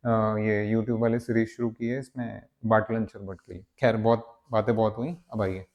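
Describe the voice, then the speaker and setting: A man with a lowish, fairly flat voice and moderate pace teaches maths for an entrance exam, heard through lo-fi sound. He coaxes his students, repeats words for emphasis, and mixes in English phrases.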